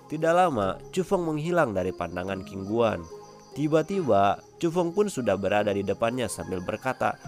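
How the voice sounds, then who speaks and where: Low-voiced man narrating a comic recap. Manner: steady storytelling, friendly sign-off appeals.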